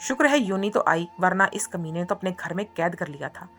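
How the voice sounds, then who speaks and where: A woman's voice: lowish voice, expressive, a little fast, fairly bright tone, soft background music. A woman voicing a feisty young woman who scolds and protests indignantly in a read-aloud story. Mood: complaining. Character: feisty young woman, sharp-tongued captive.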